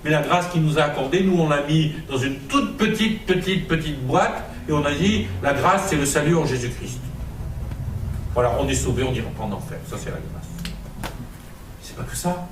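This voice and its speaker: Marseille-accented preacher in an echoey hall. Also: male voice, a little high, far from the mic, slight background noise. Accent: Marseille French. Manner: emphatic, rhetorical repetition, builds to a fervent crescendo. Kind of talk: sermon.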